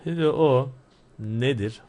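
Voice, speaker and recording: A man with a mellow, mid-range voice gives an Arabic grammar lesson, breaking it into steps and answering his own questions. Arabic phrases are read slowly, followed by quick explanations.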